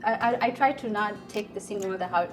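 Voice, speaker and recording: A woman's voice: medium pitch, fast, music in the background. A woman, telling her story earnestly as an interview guest. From Tanzania. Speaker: guest, business alliance founder.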